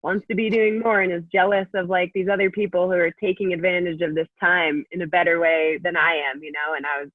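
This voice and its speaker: A woman chatting lively on a video call as a panel guest, laughing easily. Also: on the low side, fast, hardly any pauses, dry recording. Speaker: panel guest, pro skier. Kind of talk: casual video-call chat. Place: indoors at home. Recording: tinny dry call audio.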